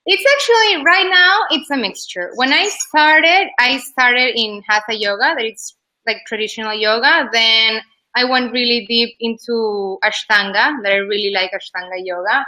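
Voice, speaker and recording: A woman's voice: fairly high pitch, moderate pace, bright, forceful tone, low-quality recording. A woman, chatting loosely as an interview guest about her work as a yoga teacher. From Ecuador. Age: 20s. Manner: chatty, loose, many "like" fillers. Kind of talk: casual interview chat.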